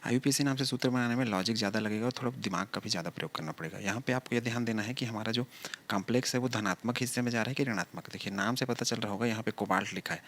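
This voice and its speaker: A man's voice: on the low side, fairly bright tone. A male chemistry teacher giving a lecture, talking through each step and asking the class rhetorical questions.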